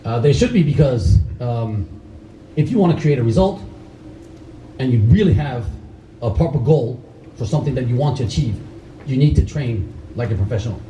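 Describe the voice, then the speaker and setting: Speaking at a camp to a seated group, a Danish-raised karate instructor rambles loosely, restarting often and using lots of fillers. His medium-pitched voice is mellow and expressive, at normal speed with frequent pauses. The distant, roomy hall recording carries a little hiss or hum.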